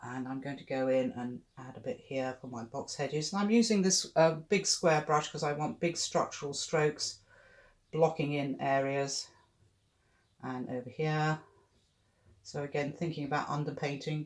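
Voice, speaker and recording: A British art club tutor giving a relaxed acrylic painting demonstration, thinking aloud with chatty, cheerful asides. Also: medium pitch.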